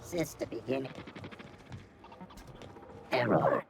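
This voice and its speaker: Glitching robot stuck on error loops. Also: male voice, medium pitch, lively intonation, slow, vocal fry, heavy background noise. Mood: malfunctioning. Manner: stuttering, repeating error messages. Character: glitching male robot stuck in a boot loop. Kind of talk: video game dialogue.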